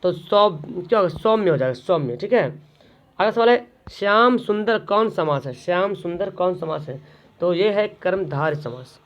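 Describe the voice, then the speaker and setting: Man, high voice, exam tutor, repeats questions and answers them, dull lo-fi sound. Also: lively intonation, normal speed.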